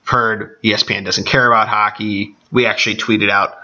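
A man hosts a sports podcast alone in a casual, chatty way. His voice is on the low side and gravelly from allergies, with a bright, forceful edge. The recording is somewhat dull and lo-fi. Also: flat delivery, normal speed. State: congested with allergies. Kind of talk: casual solo podcast talk. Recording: dull, band-limited podcast audio.

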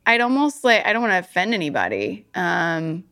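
A woman co-hosting a podcast in casual chat, chatty and quick to laugh, often restarting her sentences. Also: lowish voice, sing-song, sharp tone. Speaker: podcast co-host.

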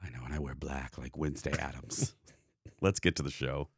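A man's voice: a bass voice, moderate pace, very noisy. A man co-hosting a theme park podcast in casual chat, laughing easily and talking with frequent fillers. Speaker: podcast co-host.

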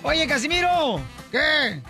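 A man hosting a radio comedy show, telling jokes in a loud, rowdy, playful way. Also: very high voice, sing-song, slow, over loud music. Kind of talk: joke-telling radio banter. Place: radio studio.

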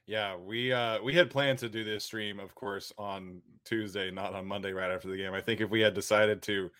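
A man's voice: on the low side, steady tone, normal speed, a bit bright. A man hosting a sports podcast in a casual, chatty style. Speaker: podcast host.

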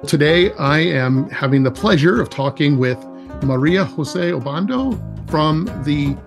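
A man hosts a podcast interview in a slightly high voice, encouraging his guest with ready affirmations. Faint music plays softly underneath. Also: animated, a little slow, gravelly. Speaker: podcast host. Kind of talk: casual interview.

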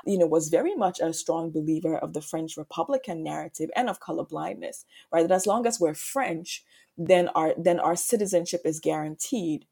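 A woman's voice: deep voice, moderate pace, vocal fry, dark tone, slightly rough. A woman from Ghana, an author interviewed on a podcast, explaining her ideas thoughtfully and often circling back with "right?". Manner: thoughtful, with frequent restarts and "right?" asides. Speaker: author and guest.

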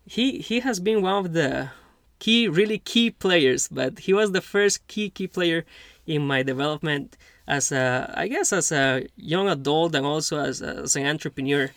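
A man in his twenties who grew up in Costa Rica, hosting a podcast interview in an earnest, halting way with many restarts. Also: a little high, expressive, creaky, a bit bright, no room sound, studio quality. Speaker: podcast host. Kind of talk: casual interview chat.

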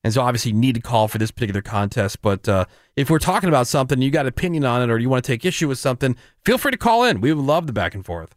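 A man with an American accent hosts a morning radio show from a studio, bantering and running a phone-in contest over a music bed. His medium-pitched voice is very animated and very fast with few pauses. The sound is clean studio audio with no echo.

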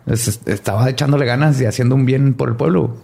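Playful podcast co-host. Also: male voice, mid-range voice, gravelly, warm tone, slightly rough. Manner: playful, mock-serious, quick to joke. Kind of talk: casual podcast chat.

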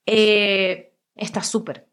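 A young Venezuelan actress, appearing as an interview guest, chats casually and tells lively stories, acting out the voices she quotes. Her medium-pitched voice moves extremely slowly.

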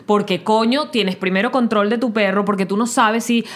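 A woman's voice: mid-range voice, fairly even intonation, moderate pace. A woman with a Venezuelan accent, co-hosting a podcast, blunt and joking in casual chat. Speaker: podcast co-host.

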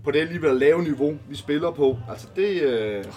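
Man, podcast co-host, casual and hesitant, voice a touch high. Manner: relaxed, hesitant, many fillers. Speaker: podcast co-host, amateur footballer.

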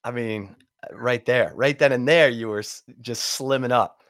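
A man's voice: mid-range voice, a little slow, no echo, clean studio sound. A middle-aged man from Michigan hosting a casual sports podcast, chatty and full of stories. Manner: chatty storyteller, warm welcomes. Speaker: podcast host.

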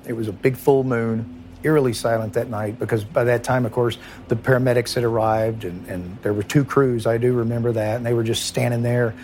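A middle-aged man, a former police chief recalling a painful night in a halting, emotional way, often repeating words and dropping his voice. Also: medium pitch, steady tone, slight background noise. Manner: halting, repeats words, quiet and heavy at times. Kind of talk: emotional first-person recollection.

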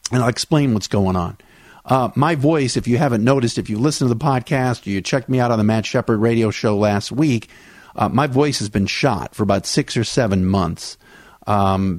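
A man in his 40s hosts a solo sports podcast, his medium-pitched, mid-range voice sounding dry and close to the mic with no echo. Easygoing and chatty, he often pauses on "uh" as his voice recovers from vocal cord surgery.

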